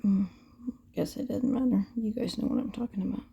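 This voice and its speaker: Woman, casual craft tutorial host, creaky voice, mellow tone, thinking aloud. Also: mid-range voice, a little fast. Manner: informal, thinking aloud while working.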